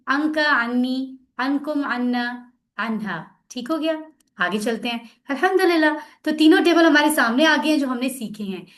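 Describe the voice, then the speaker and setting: A woman teaching an online class, drilling words aloud and explaining patiently over a video call. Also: high-pitched.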